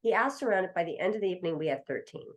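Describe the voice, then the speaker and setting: An estate planning attorney, a middle-aged woman, is a guest on a podcast, recounting a story at a very fast clip. Her fairly low voice is animated as she imitates the voices of the people involved.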